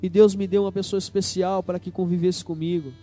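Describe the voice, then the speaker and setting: A young Brazilian pastor preaching a sermon in church, swinging from hushed tender lines to loud emphatic ones and acting out quoted voices. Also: male voice, sits high, little pitch movement, fast talker, soft background music. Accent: Brazilian Portuguese. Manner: acts out quoted voices of children and God. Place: church service.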